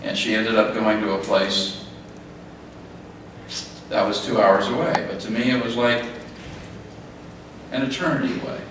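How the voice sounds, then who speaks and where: A middle-aged man giving a father-of-the-bride wedding speech in a halting way, repeating phrases and speaking in short sentences. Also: fairly low pitch, steady tone. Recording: echoey, noisy room, distant mic.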